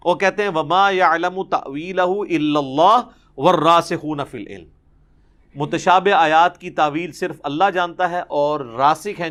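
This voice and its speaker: A man teaches a Quran commentary lesson. His voice sits fairly high, and he explains each point emphatically, breaking into recited Arabic verses between his explanations. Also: fairly bright tone.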